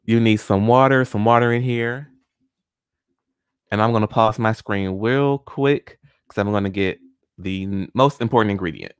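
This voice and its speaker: Speaking at a moderate pace in a smooth, lowish voice, a guest scientist in his forties guides viewers through a home experiment in a friendly, step-by-step way. He's in a small home room using a studio condenser mic with pop filter and headphones, so the audio is studio quality with no echo.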